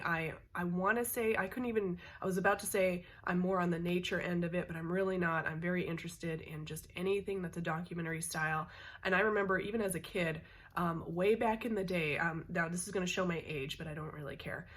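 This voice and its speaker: Chatty husky-voiced woman vlogger. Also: lowish voice, steady tone, brisk, fairly bright tone. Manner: chatty, rambling, with many fillers and restarts. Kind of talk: casual chat to camera.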